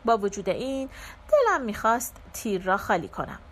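A woman reading a literary short story aloud as an audiobook narrator, in a measured, dramatic first-person style. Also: on the high side, sing-song, fairly bright tone.

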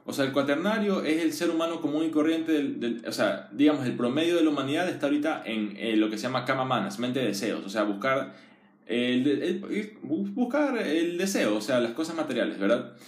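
A man at a middle pitch gives a relaxed, informal one-on-one lesson, talking directly to a single listener. He keeps asking whether he is being understood and often restarts his sentences. The room around him echoes noticeably. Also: fast, hardly any pauses. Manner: conversational, checks understanding often; frequent fillers and restarts. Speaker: teacher. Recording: roomy echo.

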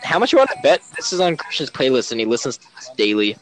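Teasing young man with a lively voice. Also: mid-range voice, fast, soft background music, poor audio. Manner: teasing, joking roasts. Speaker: podcast host. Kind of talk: casual chat. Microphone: remote call mic.

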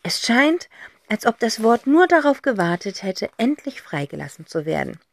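Animated woman reading a storybook. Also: fairly high pitch, moderate pace. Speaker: audiobook narrator. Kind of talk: scripted storybook narration.

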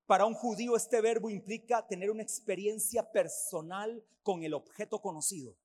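A man preaches a sermon at a church service, his voice pitched high for a man. He drives his points home by repeating them in lists. He swings between loud, forceful phrases and hushed, quiet ones. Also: normal speed. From Costa Rica. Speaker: pastor.

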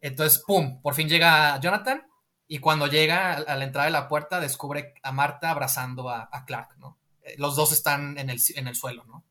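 A man casually pitching a film scene in a rambling way, tagging his lines with a question. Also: fairly even intonation, moderate pace, pushed and bright.

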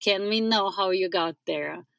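A woman speaks slowly as a podcast guest and tells her story at an easy pace. The recording is dry and close, with no room sound. Her pitch sits in the middle. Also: gravelly, a bit bright, no room sound. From Brazil. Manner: unhurried, laughs between thoughts. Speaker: guest, staging company co-founder. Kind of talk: casual podcast chat.

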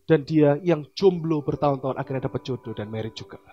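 A middle-aged man, a pastor preaching a sermon and acting out quoted dialogue in lively swings of voice. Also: quick pace, muffled recording. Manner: animated, acts out quoted dialogue with big pitch swings.

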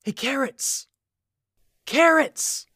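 A woman's voice: mid-range voice, sing-song, normal speed, a bit bright, no room sound, studio quality. A woman playing a cocky, teasing schoolboy in a period audio drama, with a brash boyish manner.

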